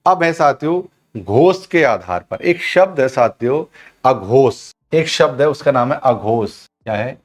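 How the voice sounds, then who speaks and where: A man lecturing a live online class, with a steady middle-pitched voice. He fires questions at his students, then answers them himself and repeats the key term. He sounds out syllables one by one to make each point clear. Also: unhurried. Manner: repetitive call-and-response questioning of students; demonstrates sounds by voicing syllables aloud. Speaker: Hindi grammar teacher.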